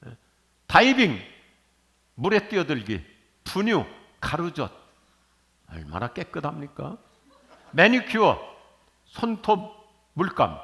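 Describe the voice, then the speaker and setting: An older man preaching a sermon in a church, lively and jokey with sudden loud bursts. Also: a little high, creaky. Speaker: pastor. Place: church sanctuary.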